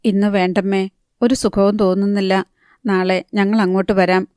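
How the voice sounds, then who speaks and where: A woman's voice: medium pitch, level tone, normal speed, a little mellow, clean tone, no echo, studio quality, close to an everyday voice. Woman reading as a hurt young wife.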